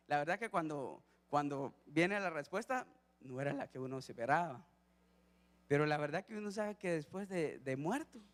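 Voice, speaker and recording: A man preaching as a deacon, telling a personal story in a conversational way and acting out dialogue. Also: fairly high pitch. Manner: conversational, acts out dialogue with his son. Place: church hall. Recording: long church hall reverb.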